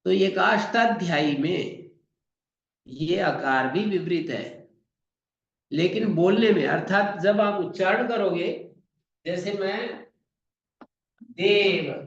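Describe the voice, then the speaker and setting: A man lectures on Sanskrit grammar, unhurried and a little high-pitched, pausing to sound out words as examples. His voice has a gravelly edge. The recording is echoey and dull. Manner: explains slowly, demonstrates pronunciations aloud. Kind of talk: classroom lecture.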